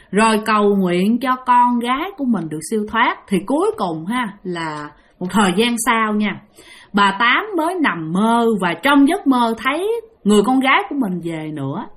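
A woman's voice: a little high, big pitch swings, normal speed, fairly bright tone. Chatty Southern Vietnamese woman storyteller. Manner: talks straight to listeners, repeats phrases. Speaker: ghost story host.

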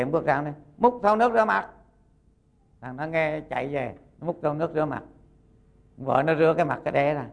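A Buddhist monk, giving a sermon as folksy storytelling and acting out the characters' lines. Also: male voice, a little high, vocal fry.

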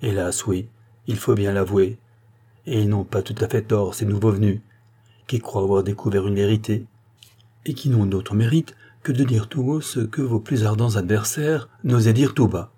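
A man's voice: on the low side, moderate pace, mellow, husky. A man reading an earnest revolutionary statesman pleading. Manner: urgent, explanatory pleading. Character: earnest male politician warning a queen.

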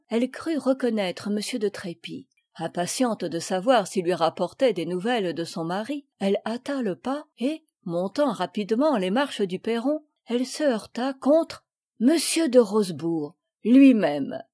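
A woman reading a classic children's novel aloud in scripted narration, with an even, measured delivery. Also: medium pitch, no room sound, clean studio sound. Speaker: audiobook reader.

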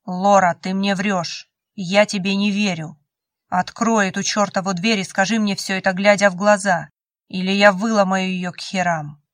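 A woman reading a young man who pleads with his lover and will not let go, his insistent voice sitting at an ordinary pitch. He sounds possessive and urgent, as in a romance audiobook. The recording is dry and close. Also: steady tone, moderate pace, dry recording, natural voice. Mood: angry. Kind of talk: audiobook character voice.

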